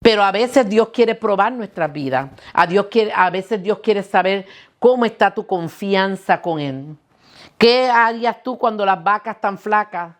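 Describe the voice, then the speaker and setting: A woman's voice: medium pitch, lively intonation, measured pace. A woman pastor preaching a sermon, asking the listeners questions and restarting words now and then.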